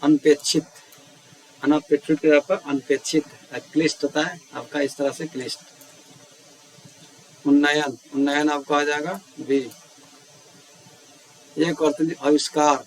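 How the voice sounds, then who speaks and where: A man's voice: fairly high pitch, fairly even intonation, unhurried, pauses often, rough recording. A man teaching grammar, reading out words and their answer options one by one, repeating each word as he goes. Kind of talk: spelling quiz walkthrough. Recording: faint hiss.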